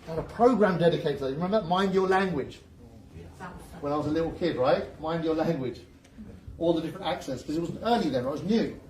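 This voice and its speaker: Guy running a motivational seminar, chatty and teasing, kinda high voice, echoey room, mic a bit far off. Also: fast talker. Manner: lively, joking, asks the crowd questions. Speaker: seminar speaker. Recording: echoey room recorded from a distance.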